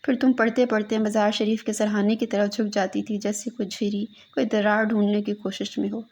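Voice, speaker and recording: A woman's voice: mid-range voice, little pitch movement, darkish tone. A woman reading a literary story aloud as a mournful lament to a lost daughter.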